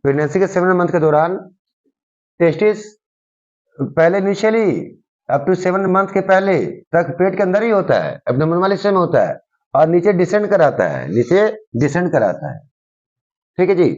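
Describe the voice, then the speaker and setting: A man teaching science explains a class diagram in a high voice with a darkish tone, big pitch swings and a moderate pace. Each key term gets repeated, and he repeatedly asks the viewer "what is it called?" over a muffled, lo-fi recording.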